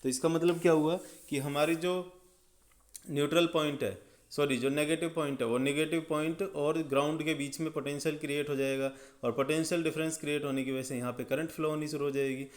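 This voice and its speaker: A man's voice: fairly high pitch, steady tone, a little fast. A man explaining electrical circuits step by step as a tutor, checking often that the listener follows. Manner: step-by-step, checks understanding with "ठीक है". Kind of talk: explaining circuits at a drawing board.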